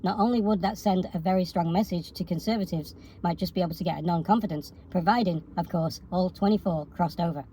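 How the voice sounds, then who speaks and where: A woman co-hosting a talk show who reads viewer comments aloud in a brisk, matter-of-fact way. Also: lowish voice, warm tone, slight background noise. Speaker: co-host reading viewer comments.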